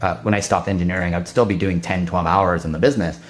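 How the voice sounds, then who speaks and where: A man's voice: low voice, fairly even intonation. A man in his thirties, a podcast guest, talking casually in a loose, restless way full of fillers and restarts. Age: 30s. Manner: fast, loose, filler-heavy talk with many restarts. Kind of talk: casual conversation.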